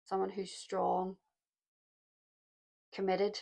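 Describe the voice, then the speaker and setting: A woman with a croaky voice giving a pick-a-card tarot reading, speaking softly and reflectively and calling her listeners "my loves". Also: medium pitch, monotone, extremely slow. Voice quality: gravelly. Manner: soft-spoken, reflective, addresses listeners as "my loves". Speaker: tarot reader.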